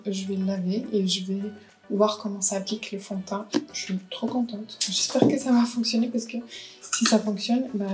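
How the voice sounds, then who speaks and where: A beauty vlogger with a mid-range voice chats casually through a haul and unboxing, thinking aloud and hesitating a lot. The audio quality is poor.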